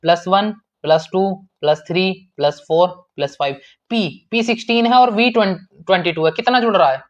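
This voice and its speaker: A man's voice: high-pitched, moderate pace, dull audio. A man teaching an online exam-prep lesson in a casual, repetitive way, calling students brother and checking in often.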